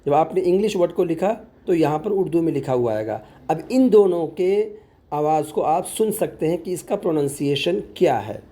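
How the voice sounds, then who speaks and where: A man's voice: fairly high pitch, animated, moderate pace, warm tone. A man working as an online tutor, patiently explaining a phone app step by step in a tutorial voice-over and repeating words as he goes.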